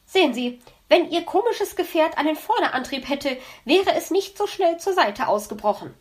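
A woman's voice: sits high, expressive, normal speed, pitched above the performer's own voice. A woman voicing a fussy female magpie who lectures and bosses others in a storybook tale. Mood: prim, bossy. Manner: bossy, lecturing. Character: prim fussy female magpie, know-it-all.

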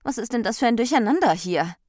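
A woman's voice: a little high, sing-song, normal speed, no room sound, clean studio sound, voice pushed up. A woman voicing a fussy, tidy female personification of Order in a storybook, speaking shrilly and indignantly.

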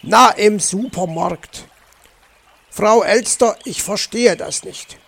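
Man reading a cranky, penny-pinching fox uncle for a kids' audiobook, high, creaky grumble. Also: takes it slowly, bright, forceful tone, heavily acted. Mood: grumbling. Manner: grumbling, indignant. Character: grumpy stingy male fox uncle. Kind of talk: children's audiobook.

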